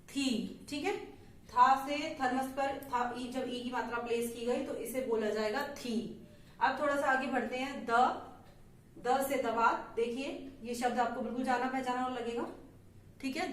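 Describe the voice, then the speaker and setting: A woman teacher patiently explaining letter sounds to small children, stretching out syllables slowly and checking in often. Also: high-pitched. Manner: patient, slow, drawn-out syllables with frequent "theek hai". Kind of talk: Hindi phonics lesson for young children. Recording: echoey room, mic at a distance.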